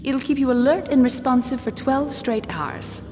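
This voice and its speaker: A woman's voice: high-pitched, moderate pace, lightly acted. A woman voicing a cool, precise military scientist in a video game, explaining in a firm clinical manner. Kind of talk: dramatic video game voice acting. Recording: long hall reverb, noisy ambience behind.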